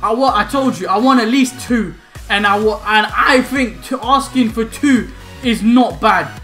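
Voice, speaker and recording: A very high-pitched, unhurried young man narrates opening game packs as a gaming YouTuber. His commentary is hyped and slangy, punctuated by shouts and laughter. He records in a small room at home with faint background music.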